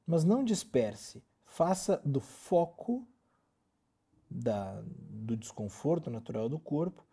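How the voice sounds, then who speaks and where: Slow and slightly rough, the medium-pitched voice of a Brazilian-accented man guides a yoga relaxation. He instructs gently, staying calm and soothing.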